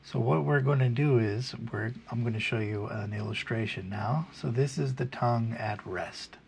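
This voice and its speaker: A man with a standard American accent giving an informal pronunciation lesson, explaining patiently and haltingly step by step, with a slightly husky, gravelly voice. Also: mid-range voice, darkish tone, a little hiss or hum. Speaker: pronunciation teacher. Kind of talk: informal instructional video, demonstrating English sounds.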